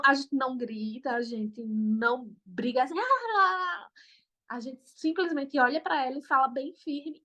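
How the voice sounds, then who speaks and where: Young woman, mother, interview guest, high voice, bright tone, lively storytelling. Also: muffled recording. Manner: lively storytelling, acts out moments. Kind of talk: casual interview talk.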